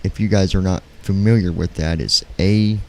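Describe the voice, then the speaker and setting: A man live-streaming in casual, halting talk, keeping his voice quiet at night so as not to wake anyone. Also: deep voice, steady tone. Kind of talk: casual chat, flight sim livestream. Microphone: handheld studio microphone.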